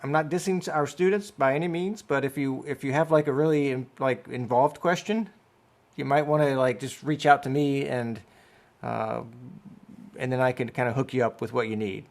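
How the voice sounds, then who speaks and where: A man with a gravelly, creaky voice answers workshop questions. He is laid-back and hesitant, trailing through fillers on a video call. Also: mid-range voice, moderate pace. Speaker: media center staff. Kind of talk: casual Q&A answers.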